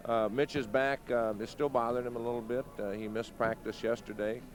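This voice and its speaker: A man, a basketball head coach, giving plain, measured pregame interview answers with frequent ums. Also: medium pitch, level tone, slight background noise.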